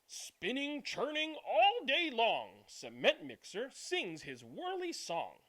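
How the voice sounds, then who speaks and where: A man narrating a children's bedtime storybook in an expressive, deliberate way. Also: very high-pitched. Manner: animated, deliberate reading with hushed good nights. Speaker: read-aloud channel host.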